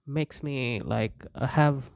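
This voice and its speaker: Chatting in an unscripted vlog, this young non-native English speaker rambles with lots of fillers and restarts, often chuckling. The YouTuber's medium-pitched voice moves slowly with some vocal fry, and the dry recording is clean and studio quality.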